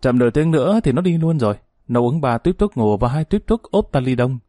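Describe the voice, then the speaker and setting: A man voicing a resentful, sharp-tongued young woman in an audiobook story, speaking in a sarcastic and reproachful way. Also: mid-range voice, animated, brisk, no echo, studio quality, soft background music, natural voice.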